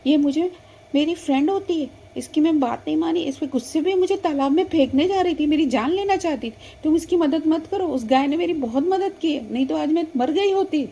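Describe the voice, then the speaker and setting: Note: timid young girl doll, high and pleading, voiced by a woman. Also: brisk, vocal fry, warm tone, slight background noise. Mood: upset. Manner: pleading, higher-pitched. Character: timid girl who pushes back.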